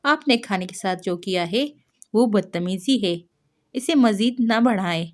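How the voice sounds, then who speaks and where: A woman's voice: medium pitch, close to an everyday voice. A woman voicing a firm, composed young noblewoman.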